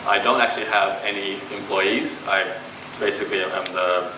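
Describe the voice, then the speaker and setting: At a normal speed and a steady, fairly low pitch, the young Australian with the Canadian accent keeps his business-event talk loose and conversational, full of fillers and false starts. The audience is live, and the recording is far off, echoey and noisy.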